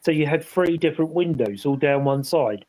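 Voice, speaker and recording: A man's voice: on the high side, animated, normal speed, darkish tone, dry recording, rough recording. A man on a paranormal panel, rambling through an investigation story in casual chat with many restarts and asides.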